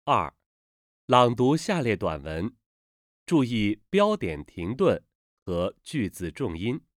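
Man reading drills with very animated pitch. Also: no room sound, studio quality. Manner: deliberate, carefully enunciated word by word. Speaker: language lesson reader. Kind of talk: slow textbook drill reading.

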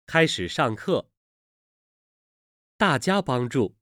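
A speaker reads pronunciation drills word by word at a very slow, measured pace. The intonation swings widely, so each item stands out clearly. The sound is dry and close, with no reverb. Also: mid-range voice, sing-song, fairly bright tone. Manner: measured, precise drill reading. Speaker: language lesson reader. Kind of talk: slow, careful textbook reading.

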